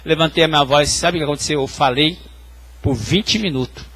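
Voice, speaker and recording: Hospital stories fill this male pastor's sermon as he turns directly to the congregation. He's a little quick, with a slightly high, fairly bright voice.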